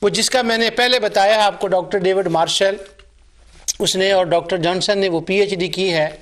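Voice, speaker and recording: A man's voice: sits high, fairly even intonation, fairly bright tone. A middle-aged Islamic scholar giving a religious lecture, telling anecdotes and stressing his points through repetition. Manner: storytelling, acts out remembered dialogue. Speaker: Islamic scholar and Quran reciter.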